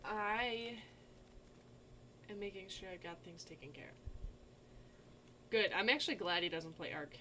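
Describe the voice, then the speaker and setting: Woman, medium pitch, brief distracted replies, casual game stream, faint background noise. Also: a little slow, pauses often, pushed and bright. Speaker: game server admin and co-streamer. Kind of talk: casual gaming stream chat.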